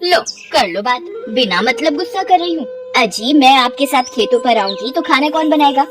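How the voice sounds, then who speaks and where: Sharp-tongued lazy young village wife, sarcastic, woman doing the voice, music behind. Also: sits high, expressive, normal speed. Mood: scolding. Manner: sarcastic, scolding.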